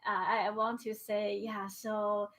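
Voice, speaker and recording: A woman's voice: medium pitch, little pitch movement, measured pace, rough recording. A woman in her thirties from Taiwan with a Taiwanese Mandarin accent, a musician giving a casual online lecture, hesitant with many fillers and restarts, on a webcam in a small home music room. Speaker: erhu player giving a lecture recital. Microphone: webcam at a distance.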